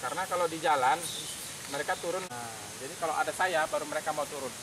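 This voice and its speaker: Man, high voice, park guide, casual explaining, outdoors in a forest. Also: fast, background noise. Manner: explains casually, then shouts loud calls to the apes. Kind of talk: outdoor explaining and animal calling.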